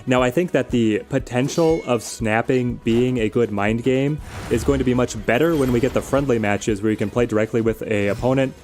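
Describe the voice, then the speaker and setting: This man streams games and fields viewer questions, chatting through his strategy and thinking out loud. His mid-range voice runs at a normal speed with a slightly mellow quality, over background music.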